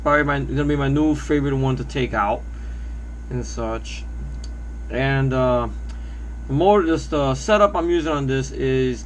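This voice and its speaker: Under-the-weather man with background noise. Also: mid-range voice. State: under the weather, coughing now and then. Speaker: hobby drone pilot presenting his build. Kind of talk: casual product overview.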